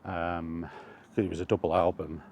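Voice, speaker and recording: Recording a walking vlog outdoors, a man chats casually, meandering and hesitant and often correcting himself. His low, darkish voice is delivered flat at a normal speed, with slight background noise.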